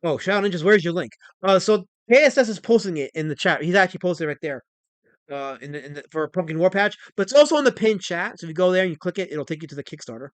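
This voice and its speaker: Excitable high-voiced man in his forties. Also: fast talker, dry recording. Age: 40s. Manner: excitable, rambling, reads chat messages aloud. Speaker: livestream host. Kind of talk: casual livestream chat.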